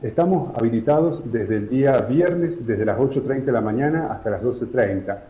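A middle-aged man from San Juan, Argentina, explaining his charity's work in a remote news interview, measured and full of fillers. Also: mid-range voice. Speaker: charity director guest. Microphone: video call. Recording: echoey room, dull video-call audio.

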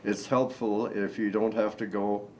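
An older man with a somewhat low voice speaks slowly and haltingly, pausing often with ums and uhs. He is an artist from Nebraska giving a seated indoor interview. A faint low rumble sits under the recording. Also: steady tone, a little mellow, low-quality recording. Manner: slow, halting, with many fillers. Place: indoor room.

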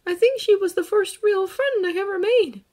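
A woman voicing an earnest teenage boy who sees ghosts, speaking softly and haltingly in a fan fiction audiobook reading. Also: very high voice, voice pushed up. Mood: tender. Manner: soft, halting, emotional.

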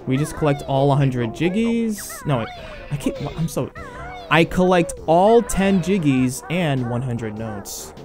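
A man giving casual gameplay commentary as a let's play host, rambling and halting with many fillers and restarts. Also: on the high side, animated, over music.

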